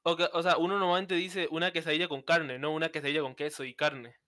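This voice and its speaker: A man's voice: on the high side, level tone, fast, sharp tone. A man co-hosting a casual livestream chat, talkative and often searching for his words. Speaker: co-host.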